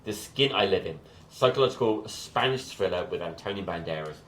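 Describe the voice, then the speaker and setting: A man's voice: deep voice, animated, brisk, a bit bright, roomy sound, slight background noise. A man with a Scottish accent co-hosting a casual film podcast, talking enthusiastically and rambling through restarts. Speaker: podcast co-host. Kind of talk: casual chat about films.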